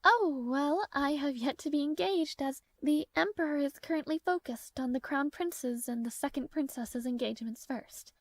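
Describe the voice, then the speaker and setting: A woman playing a proud, easily flustered young princess in a romantic fantasy audio roleplay, speaking formally and haltingly. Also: high voice, no echo. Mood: polite, guarded. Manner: formal, halting, hesitant, prim.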